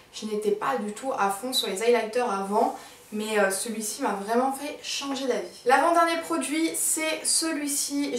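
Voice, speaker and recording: Woman beauty vlogger, fairly high pitch, chatty and keen with lots of fillers; distant camera in an echoey home room. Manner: chatty and enthusiastic, hesitant with fillers. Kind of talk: casual monthly favorites review. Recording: roomy sound from a distance.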